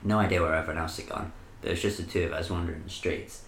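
Young guy w a really deep voice, laid-back dry storytelling, echoey room. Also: steady tone, very fast, a bit bright, slight background noise. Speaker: podcast co-host. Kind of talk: casual storytelling chat.

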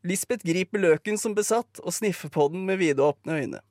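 Man reading brisk stage directions. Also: sits high, a little mellow, no room sound, studio quality. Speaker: narrator. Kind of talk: live radio-play narration.

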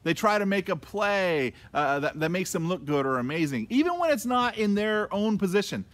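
Male pastor, higher-pitched, very animated delivery, playful conversational sermon. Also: normal speed. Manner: lively, conversational preaching with playful asides.

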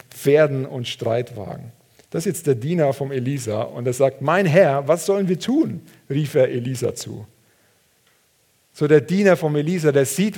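A man preaching a sermon, reading scripture aloud and swinging between soft, low passages and loud, raised ones. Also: husky.

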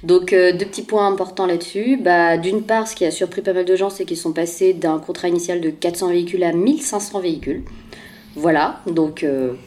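A woman's voice: lowish voice, fairly quick, a little mellow. A woman co-hosting a casual news podcast, talking with frequent hesitations and fillers. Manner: hesitant, many fillers, self-deprecating. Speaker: podcast co-host presenting news.

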